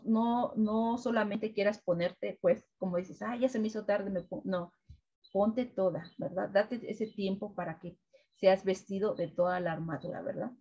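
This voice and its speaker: A woman leading a weekly Bible devotional, preaching gently and ending nearly every sentence with a questioning "right?". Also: medium pitch, muffled recording. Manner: keeps adding "right?" tags, gentle repetitive preaching. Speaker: devotional co-host.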